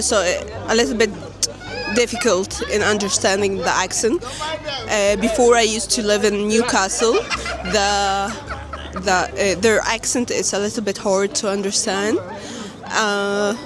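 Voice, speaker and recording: A man from Egypt with an Egyptian accent, answering street interview questions in English, relaxed and halting with fillers. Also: high-pitched. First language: Arabic. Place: busy city street outdoors.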